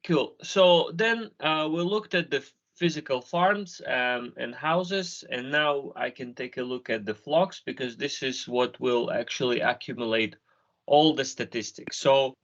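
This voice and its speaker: Man, video call, software walkthrough, hesitant fillers, dull lo-fi sound. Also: medium pitch, a little slow. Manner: explains step by step with many ums and uhs. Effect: video call audio. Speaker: software trainer.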